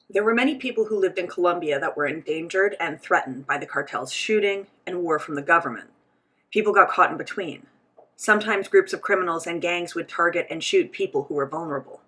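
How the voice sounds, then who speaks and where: A woman interprets a signed interview aloud, speaking in the first person for both host and guest with a measured delivery. Her voice is lowish and a bit bright, with a breathy edge.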